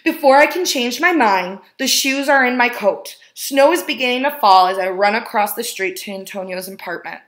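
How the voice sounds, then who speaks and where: A woman with a slightly high voice reads a children's storybook aloud. She leans on key words with deliberate, dramatic emphasis. The recording is roomy and clearly echoing. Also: a bit bright. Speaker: teacher reading a picture book aloud. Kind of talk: expressive read-aloud storytelling of a children's book. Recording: roomy, echoing indoor sound.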